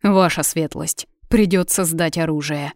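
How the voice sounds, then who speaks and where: A woman's voice: sits low, measured pace, a little mellow, no room sound, clean studio sound. A woman voicing an eager, nervous male guard sergeant speaking formally to his king.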